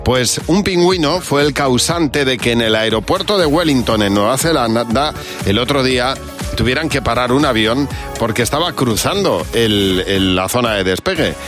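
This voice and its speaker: A man's voice: mid-range voice, animated, normal speed, fairly bright tone, faint music behind. Upbeat male morning radio host. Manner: upbeat, runs a quiz game and reads a number clearly. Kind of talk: lively morning radio chat.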